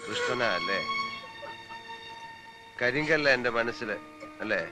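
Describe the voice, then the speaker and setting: A man's voice: medium pitch, expressive, slow, over music. An actor playing a devoted young man in a film scene, pleading earnestly and tenderly. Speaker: film character. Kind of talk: 1990s film acting.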